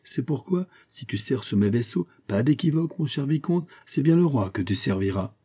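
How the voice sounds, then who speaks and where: A man reading aloud, voicing a boisterous, swaggering noble duke who swears hearty oaths and talks loudly. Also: mid-range voice, lively intonation, normal speed, husky, pitched above the performer's own voice. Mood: insistent. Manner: blustering, oath-swearing, loud and hearty.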